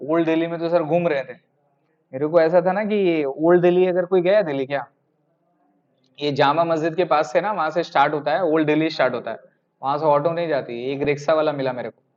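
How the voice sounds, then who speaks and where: A male tutor with a high voice gives a classroom lecture and tells an animated anecdote. He keeps checking that the students follow, calling them sir. The recording sounds dull and lo-fi. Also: a little fast.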